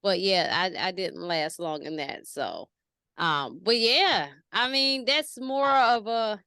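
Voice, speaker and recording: A woman's voice: medium pitch, slow pace, sharp tone, no room sound, clean studio sound. A woman hosting a spiritual podcast, chatting casually with a guest, laughing and rambling with restarts. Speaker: podcast host. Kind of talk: casual interview chat.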